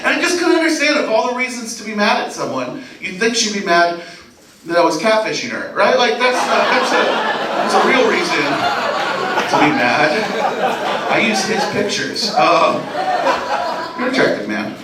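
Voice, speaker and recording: A man with a high, lively voice doing self-deprecating stand-up, now and then breaking into a yell. He is picked up from a little off the mic in a very echoey club. Loud audience laughter fills the background. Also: moderate pace, long pauses, recorded from a distance, over a noisy crowd, heavy background noise. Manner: animated, self-deprecating, bursts into yelling. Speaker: stand-up comedian. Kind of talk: stand-up comedy set. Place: comedy club stage.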